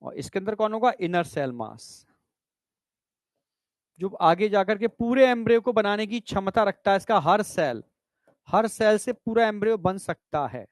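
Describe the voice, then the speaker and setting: A man with a high voice teaches biology in a classroom lecture, explaining step by step and often checking that students follow. He addresses them as "bhai" and "beta," in a studio-quality recording with no room sound.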